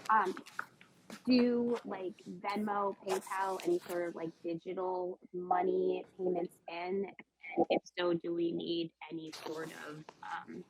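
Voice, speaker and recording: A woman asks questions at a policy meeting in a slow, halting way, trailing off with likes and ums. Steady background noise sits under her voice. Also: lowish voice, low-quality recording.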